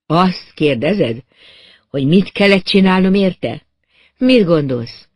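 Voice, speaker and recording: A man reading an audiobook, voicing a cool, hard-edged seductive woman in a slow, purring, deliberate way. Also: a little high, no room sound, studio quality, close to an everyday voice. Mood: cold.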